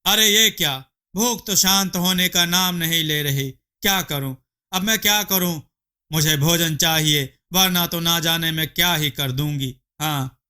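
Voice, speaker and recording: A man voicing a lazy, greedy village wife in a storybook tale, with a whiny, excitable manner. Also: fairly high pitch, unhurried, clear, resonant tone. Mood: panicked hungry.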